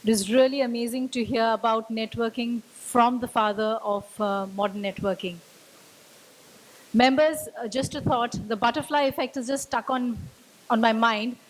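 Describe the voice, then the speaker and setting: Woman emcee with a fairly high voice. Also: steady tone, normal speed, low-quality recording. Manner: polite, with hesitant fillers. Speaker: event emcee. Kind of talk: formal stage announcing.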